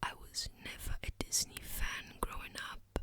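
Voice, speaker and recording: A woman whispering breathily in a casual ASMR ramble, very close to the microphone at the ear, often repeating words. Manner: slow, gentle pacing with repeated words. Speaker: ASMR content creator.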